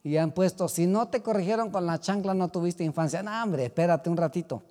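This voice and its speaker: A man preaching a sermon as pastor, swinging from loud exclamations to quiet asides. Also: sits high, brisk, big-room sound.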